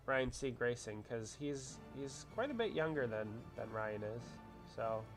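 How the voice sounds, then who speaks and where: With a medium-pitched, slightly bright voice, a married adult man hosts a casual livestream despite a cold that leaves him congested. He rambles, chats with viewers, and reads out what they comment.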